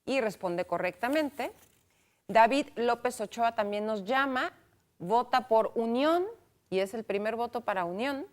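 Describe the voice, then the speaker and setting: A woman hosting a cultural radio talk show, chatting with a co-host and reading out listener calls and votes on a studio microphone. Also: on the high side.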